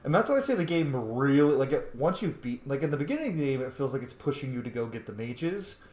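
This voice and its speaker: Quick and sing-song, a little mellow, his medium-pitched voice carries casual, informal commentary through a let's play. The man is a video game streamer and channel host who reacts to the game with wry asides. An echoey room and faint game noise frame the recording.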